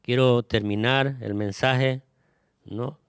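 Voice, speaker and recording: A man preaching a sermon to his congregation, often tagging his phrases with a questioning "¿no?" and filling pauses with "este". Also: mid-range voice, fairly even intonation, smooth, dry recording, studio quality.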